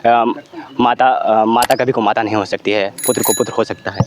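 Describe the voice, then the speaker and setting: A male local news reporter asking questions in a field interview, filling pauses and prompting with quick acknowledgments. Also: fairly low pitch, fairly even intonation, a crowd in the background.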